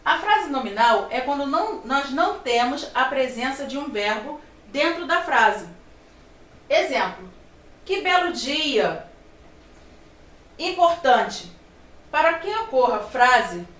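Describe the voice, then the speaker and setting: A high-pitched woman leads a grammar lesson, posing rhetorical questions and drawing out her examples. She sounds set back from the mic in a roomy space with a faint hum of ambience. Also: a bit bright. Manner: explaining with rhetorical questions, slow stressed examples. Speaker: teacher. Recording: roomy sound from a distance, faint room noise.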